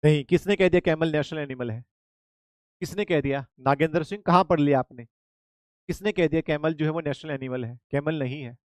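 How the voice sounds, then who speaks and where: A man's voice: on the high side, a little fast, dry recording. A man teaching a live online class, drilling facts by asking students questions again and again and slipping English terms into Hindi. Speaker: online exam-prep teacher.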